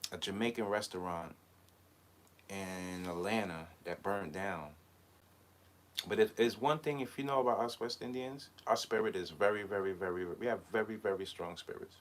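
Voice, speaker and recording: Host type: low-voiced man from Barbados, loose unscripted live-stream chat, lots of "um"s, faint noise in the background. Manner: rambling, with many hesitations and fillers. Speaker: clothing brand designer hosting a live chat. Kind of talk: casual live-stream talk.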